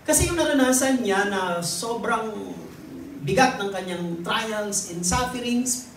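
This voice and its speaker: A man's voice: high-pitched, measured pace, fairly bright tone, a little hiss or hum. A man with a Filipino accent preaching a sermon, teaching in a mix of Tagalog and English with light jokes along the way. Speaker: lay preacher. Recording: echoey room, distant mic.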